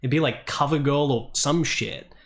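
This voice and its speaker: A man's voice: fairly high pitch, normal speed. A man streaming a game, casual and joking with plenty of swearing, reading out donations. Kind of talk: casual live-stream commentary.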